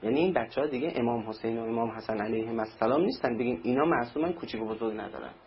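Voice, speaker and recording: A man's voice: medium pitch, slight background noise. A man preaching a sermon in a conversational way, acting out little anecdotes. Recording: dull lo-fi recording with faint ambience.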